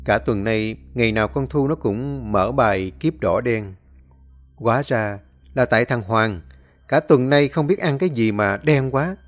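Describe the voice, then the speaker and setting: A man's voice: mid-range voice, measured pace, faint music behind. A man narrating a dramatic story expressively, acting out the scenes.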